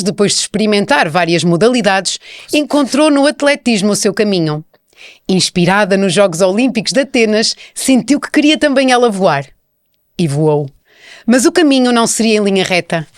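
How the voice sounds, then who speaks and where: Female podcast host, European Portuguese accent, measured scripted read, mid-range voice, dry studio. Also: medium pitch, dry recording. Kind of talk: scripted introduction then casual interview.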